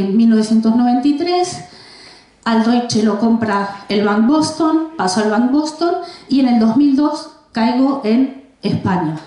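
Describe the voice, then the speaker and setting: A darkish-toned voice on the high side belongs to a woman in her forties from Argentina. She is presenting her first book to listeners in a public library, in a chatty way that's full of restarts and asides. The room is very echoey.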